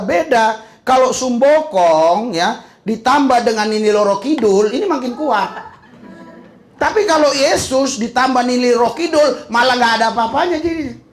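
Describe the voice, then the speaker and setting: A middle-aged man preaching a humorous sermon as a pastor, joking and laughing as he goes. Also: very high-pitched. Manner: joking, laughing, mixing in slang. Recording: echoey hall.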